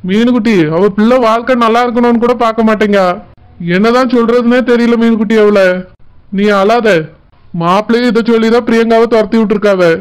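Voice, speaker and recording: An anxious, gentle middle-aged husband in a cartoon, with a Tirunelveli Tamil accent, as a man acts him out. His voice is very high and smooth, and he keeps soothing and reassuring. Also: level tone, fairly quick. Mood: worried.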